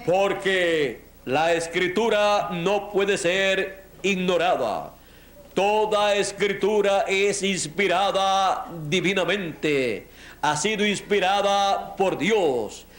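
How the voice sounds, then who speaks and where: A man preaching a sermon in slow, emphatic, measured phrases, with a Latin American Spanish accent. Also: high voice, a bit bright, roomy sound.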